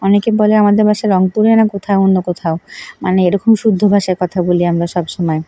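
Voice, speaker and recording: A woman's voice: medium pitch, steady tone, quick pace, warm tone. A woman vlogger from Rangpur, Bangladesh, chatting in a casual, rambling voice-over and often correcting herself.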